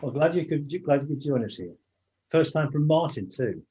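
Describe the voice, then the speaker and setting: An English man hosts an online meeting, greeting everyone as they arrive in casual, welcoming chat and often restarting his sentences. His voice is on the high side, animated, warm, and at a normal speed. The video call audio is muffled.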